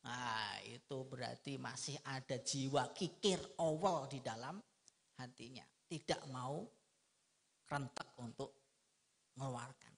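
A middle-aged man giving a lively, humorous religious lecture, asking his listeners rhetorical questions. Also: medium pitch, takes it slowly, vocal fry. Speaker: Islamic preacher.

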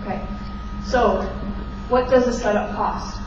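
A woman's voice: on the high side, steady tone, measured pace. Woman lecturing in an echoey hall. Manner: direct, quizzes the audience with questions. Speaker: keynote speaker. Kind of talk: conference keynote lecture. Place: large dark conference hall stage. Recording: echoey hall recorded from far off, dull and noisy.

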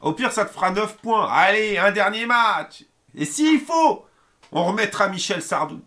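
A man doing loud, excitable live commentary on a football video game, with frequent outbursts and swearing. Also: high voice, a little slow. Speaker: gaming streamer. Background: music playing.

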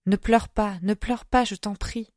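A woman's voice: medium pitch, fairly even intonation, a little slow, darkish tone, dry recording, studio quality, close to an everyday voice. A woman doing a shy young woman in love. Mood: gentle. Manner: murmured, hesitant.

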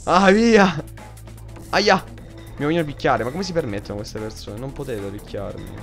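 A young man with a Roman accent, doing excitable let's-play commentary, shrieking in panic and swearing often. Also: lowish voice, quick pace, vocal fry, over music. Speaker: gaming youtuber.

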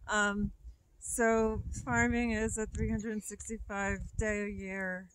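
A woman's voice: medium pitch, level tone, takes it slowly, low-quality recording. A middle-aged woman who runs a farm, talking plainly to the camera from a snowy field, with many ums. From upstate New York. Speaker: farm owner. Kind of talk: casual talk to camera. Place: open snowy field outdoors in winter wind. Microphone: camera at a few meters. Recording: loud wind noise outdoors.

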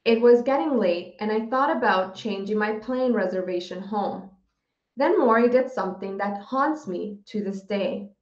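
A woman teacher reading a novel aloud for students in a slow, steady voice. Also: mid-range voice. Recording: dull, roomy recording.

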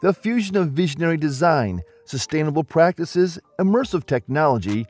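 Lively male narrator over soft music. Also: a little high, normal speed. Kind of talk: scripted documentary narration. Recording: voice-over with faint background music.

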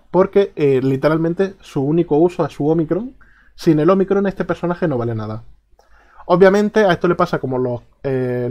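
Relaxed Spanish man explaining game teams. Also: a little high. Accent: Spain Spanish. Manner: relaxed, hesitant, frequent filler sounds. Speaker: mobile game guide creator. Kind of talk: casual explanatory game guide.

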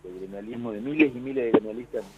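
Calling a radio program by phone, this Argentine union leader talks fast in a lowish voice, with heavy noise in the background. His Argentine Spanish wanders, full of false starts, and the phone line is thin and tinny.

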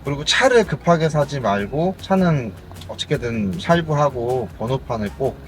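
A man's voice: mid-range voice, moderate pace, rough recording. A man working as a delivery driver, talking frankly and plainly about his job in an interview. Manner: frank, animated, talks plainly about work. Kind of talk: casual interview.

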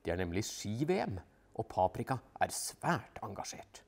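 A man narrating a children's audiobook in a lively, expressive way. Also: on the low side, vocal fry.

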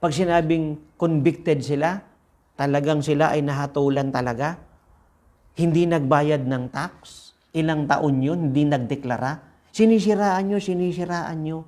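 A man's voice: fairly high pitch, steady tone, unhurried, darkish tone. A man with a Filipino accent preaching a sermon, repeating phrases and asking the congregation rhetorical questions. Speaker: pastor.

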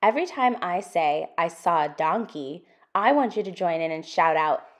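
Here a woman leads an interactive storytime for children, her fairly low voice carrying a picture book along in an expressive, sing-song, and deliberate way.

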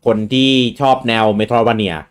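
A man hosting a casual gaming chat, relaxed and rambling with fillers and restarts. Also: fairly low pitch, slow pace. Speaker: host.

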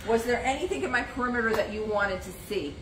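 Fast and fairly high-pitched, this middle-aged woman hosts a livestreamed antiques sale from a shop booth, casually calling out items, sizes and prices. A phone or camera on a stand films her as she moves around in frame. The audio carries a roomy shop sound with background noise.

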